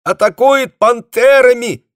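A man voicing a young male company commander who shouts in a squeaky, agitated voice over a bad field phone line. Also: measured pace, smooth, no echo, studio quality. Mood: urgent.

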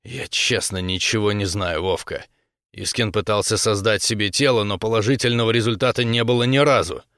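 Man playing stubborn, brooding warrior: low, gruff, dry audiobook. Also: fairly quick, fairly bright tone, no echo. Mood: grim. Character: grim, stubborn young male warrior.

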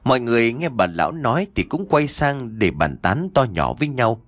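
A man reads a ghost story aloud, his pitch rising and falling with lively swings. The sound is dry and close, with no room around it. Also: moderate pace, no room sound. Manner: voices every character in quoted lines. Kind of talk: scripted horror story narration.

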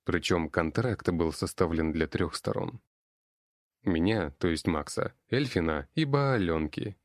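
A man narrating an audiobook in a steady, even storytelling manner. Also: deep voice, unhurried, no room sound, clean studio sound. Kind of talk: audiobook reading.

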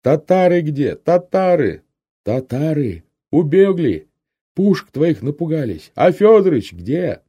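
A man voicing a frantic, half-deafened male soldier who shouts in a high voice. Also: a little fast, long pauses, husky, heavily acted. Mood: frantic shouting. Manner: shouting excitedly, high-pitched.

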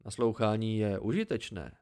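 A man voicing a wise, dryly scornful old hermit in an amateur audiobook reading, slow and emphatic. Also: lowish voice, lively intonation, a little mellow, close to an everyday voice. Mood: lecturing.

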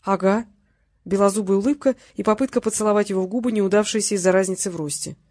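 A reader narrating a novel in an even, measured storytelling voice. The pitch sits mid-range. The recording is dry and close, with no room sound. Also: no room sound. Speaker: audiobook reader. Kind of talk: scripted narration.

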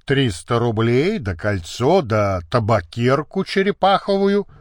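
A man's voice: mid-range voice, very animated, measured pace, no echo, studio quality, voice pushed down. A man reading an audiobook, voicing a boastful nobleman back from a night of gambling, hearty and bragging.

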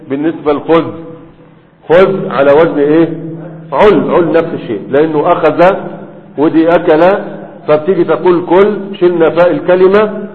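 Egyptian man lecturing, tinny and echoey. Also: on the high side. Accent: Egyptian Arabic. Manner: quizzing students with repeated "right?" and "what?". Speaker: Arabic morphology teacher. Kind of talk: classroom lecture. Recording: phone-like, with a long hall reverb.

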